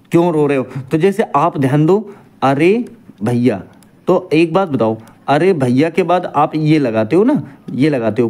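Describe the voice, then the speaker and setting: A male teacher running an exam-prep grammar class. He repeats each point back as a question to his students and calls them dear children. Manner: lively, pitch swings up and down.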